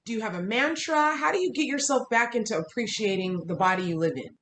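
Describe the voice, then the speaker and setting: A woman's voice: a little high, animated, fast talker, fairly bright tone. A woman interview host and fitness coach, talking in a reflective, encouraging way and asking long open questions. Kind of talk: casual conversational interview. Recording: echoey room with faint background noise.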